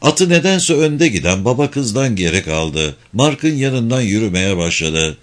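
A man reading a novel aloud as narrator, steady and expressive. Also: medium pitch, measured pace. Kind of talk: audiobook narration.

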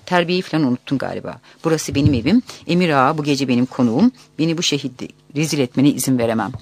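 A man's voice: mid-range voice, expressive, quick pace, no room sound. A man voicing a proud, earnest Afghan host, courteous but able to turn commanding, in an audiobook reading. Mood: stern.

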